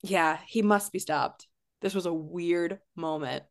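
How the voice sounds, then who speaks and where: A woman co-hosting a casual podcast, animated and laughing, often mock-outraged. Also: lowish voice, a little slow. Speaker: podcast co-host.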